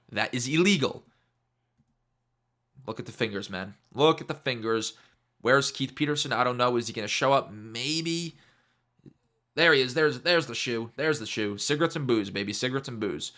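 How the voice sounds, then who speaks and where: A young man giving a casual, mocking breakdown of a fight, animated and fond of repeating his catchphrases. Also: medium pitch, moderate pace. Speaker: MMA YouTuber.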